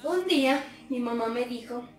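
High-voiced young woman in a dramatic monologue. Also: expressive, normal speed. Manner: dramatic, with sobbing and sing-song wailing. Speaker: stage performer. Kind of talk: theatrical monologue. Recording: roomy sound from a distant mic, faint music.

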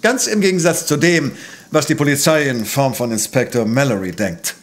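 An actor playing an exacting, self-assured professor and amateur sleuth in a German audio drama, speaking precisely and pompously. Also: male voice, mid-range voice, normal speed, close to an everyday voice. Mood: analytical, assured.

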